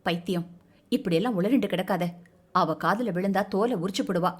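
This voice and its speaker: A woman's voice: mid-range voice, brisk, close to an everyday voice. A woman voicing a young married woman who speaks curtly and impatiently. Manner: curt, impatient.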